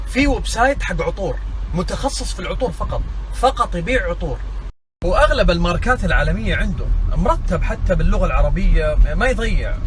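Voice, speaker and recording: Talking casually to his phone camera, a man vlogs from his car and a petrol station, playful and full of exclamations. His voice is a little high. He holds the phone by hand, and the recording picks up loud traffic noise.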